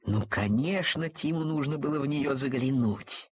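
A narrator telling a children's storybook, lively and speaking to the listeners directly. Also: mid-range voice, moderate pace, breathy edge, no room sound.

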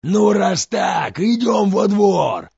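A man voicing a boastful, clumsy male serpent-dragon in a folk tale, with a raspy, gravelly voice and a slow drawl. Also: high voice, animated, warm tone, dry recording, muffled recording, voice pushed up, heavily acted.

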